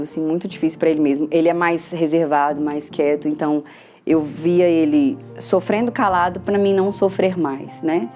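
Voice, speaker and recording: A woman's voice: fairly low pitch, mellow. A young woman with a Brazilian Portuguese accent gives a personal testimonial, retelling events emotionally with quoted dialogue. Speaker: patient giving a testimonial.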